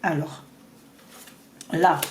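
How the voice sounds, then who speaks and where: A woman doing a casual tarot reading, talking fast and rambling with many restarts. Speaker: tarot reader. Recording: echoey room with faint noise.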